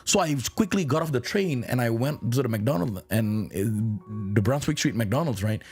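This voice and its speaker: A man with an Indonesian accent and a husky, breathy voice tells an earnest motivational story to his vlog audience. He mixes English with Indonesian phrases, and soft music plays underneath. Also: medium pitch, animated, normal speed. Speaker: vlogger.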